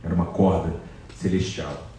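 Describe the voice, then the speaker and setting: A man giving a devotional storytelling lecture at a religious celebration, telling the tale in an animated, dramatic way. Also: low-pitched, moderate pace, a little hiss or hum. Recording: echoey hall from far off.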